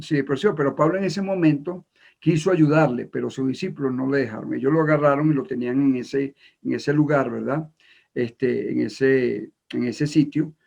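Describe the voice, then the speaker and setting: An Ecuadorian man preaching a sermon in a halting way, with many repeated words and fillers. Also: a little high, gravelly, a little mellow. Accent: Ecuadorian Spanish. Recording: dull lo-fi recording.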